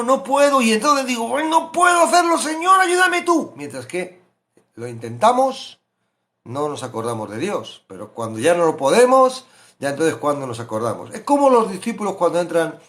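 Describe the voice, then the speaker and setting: Animated man preaching. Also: a little high. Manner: animated, rhetorical questions, acts out quoted voices. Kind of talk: sermon-style Bible reflection.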